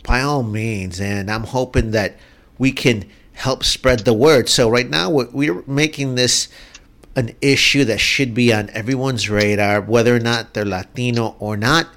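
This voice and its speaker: A man's voice: mid-range voice, unhurried, fairly bright tone. A man hosting a radio show, introducing a guest and asking him questions in an earnest, emphatic way. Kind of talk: radio interview.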